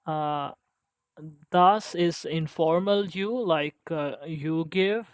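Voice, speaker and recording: A man practicing language conjugations aloud on his own, halting and restarting often as he works through a lesson. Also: fairly high pitch, smooth, no echo. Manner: halting, with frequent restarts and hesitations. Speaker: language learner. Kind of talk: self-study language practice.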